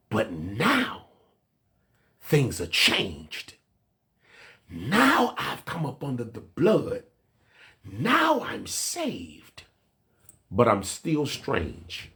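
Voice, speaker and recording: A man's voice: medium pitch, vocal fry, a bit bright. A male pastor preaching a livestreamed sermon, talking in street slang and repeating phrases as he builds his points from his own life. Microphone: livestream mic.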